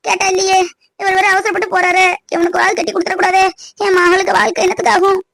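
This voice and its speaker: A worried, tearful cartoon village mother, voiced by a woman in a very high, thin voice. She pleads anxiously, close to tears. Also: little pitch movement, fast, creaky, fairly bright tone, no room sound, exaggerated voice. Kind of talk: cartoon voice acting.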